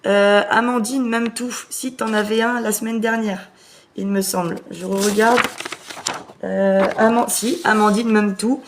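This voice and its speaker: A woman medium hosting a live stream, talking casually with many hesitant fillers as she briskly relays messages. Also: medium pitch, steady tone, background noise.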